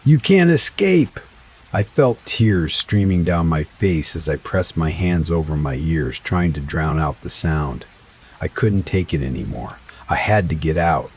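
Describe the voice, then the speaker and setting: A man narrating a first-person horror story in a slow, dramatic scripted style. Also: a bass voice, darkish tone, slight background noise. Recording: faint rain sounds behind voice. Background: rain ambience.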